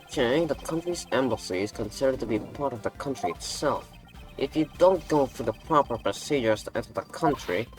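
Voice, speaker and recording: A woman's voice: lively intonation, soft background music. A woman doing a dry, stiff male prosecutor. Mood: stern. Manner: formal, dry, low and measured.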